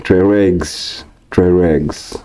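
Deep mellow guy rambling through reaction videos, chill. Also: drawn-out words. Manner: relaxed, rambling with fillers. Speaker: reaction channel host. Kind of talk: casual reaction commentary.

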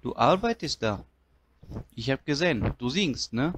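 A man doing a naive, earnest immigrant, talking slowly in broken grammar. He is polite and wide-eyed, telling his story as a comedy character monologue. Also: mid-range voice, very animated, fairly bright tone, slight background noise.

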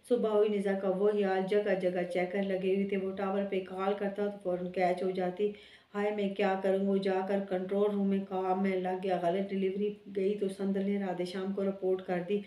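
Brief: female audiobook narrator, monotone, mellow timbre, echoey room. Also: mid-range voice. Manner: steady monotone reading.

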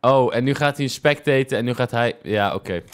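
A man's voice: mid-range voice, a little fast, smooth. A young man giving casual, exclamatory reaction commentary peppered with English slang, speaking into a close desk microphone. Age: young adult. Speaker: reaction video host. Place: small furnished room at home, indoors. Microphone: close desk microphone, headset on.

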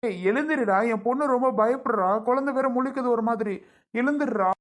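A woman's voice: fairly high pitch, fairly quick, lightly acted. A woman playing a stern, irritable older father who scolds and shoos people away in a family drama skit. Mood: scolding.

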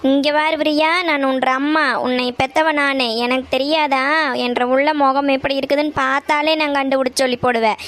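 Cartoon mother, middle-aged, Kongu Tamil accent, fairly high and scolding; voiced by a woman. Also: fairly even intonation, fairly quick, fairly bright tone. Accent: Kongu Tamil (Coimbatore). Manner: nagging, scolds then coaxes. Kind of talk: cartoon voice acting.

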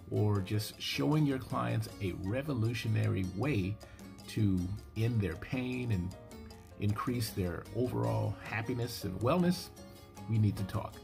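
A middle-aged man, a fitness trainer and equipment dealer, giving an earnest, persuasive sales pitch straight to camera from a small home office. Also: creaky, a little mellow. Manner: earnest, persuasive, emphatic on key words.

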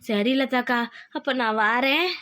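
A woman's voice: a little high, unhurried, bright, forceful tone, no room sound, clean studio sound. A woman voicing a tired, pregnant young village wife in a cartoon, complaining but polite. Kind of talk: cartoon voice acting.

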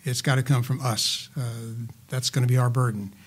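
This older healthcare finance advisor has a husky, medium-pitched voice with fairly even intonation. Answering interview questions, he stays measured and full of statistics, saying "uh" often and offering dry side comments.

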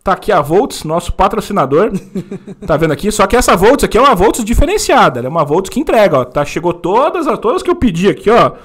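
A man's voice: high voice, big pitch swings, breathy edge. A young man from Brazil hosting a casual live-stream chat, joking and teasing his guest in a small foam-padded studio. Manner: joking, teasing, quick banter. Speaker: host.

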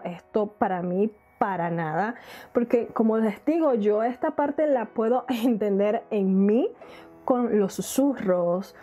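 Her fairly high, dark-toned voice carries a relaxed to-camera chat; she's an adult, married YouTube vlogger who asks her audience many questions and laughs from time to time.

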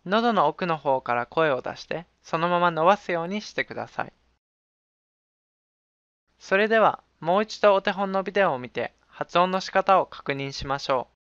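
A woman giving calm, scripted narration for a pronunciation lesson. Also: on the low side, moderate pace, clear, resonant tone, no room sound. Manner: calm, instructive. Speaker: pronunciation teacher. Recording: dull, dry studio voice-over.

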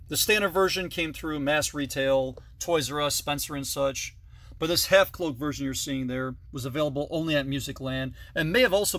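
A man in his thirties uses a handheld phone at arm's length to film a talkative, detailed tour of the toys filling his indoor basement. His voice is mid-range and a bit bright.

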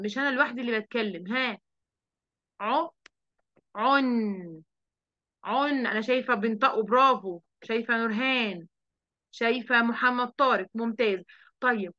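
A woman's voice: sits high, sharp tone, no room sound. A woman with an Egyptian accent teaching an online primary class, coaxing the children with many questions. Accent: Egyptian Arabic. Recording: dull lo-fi online audio.

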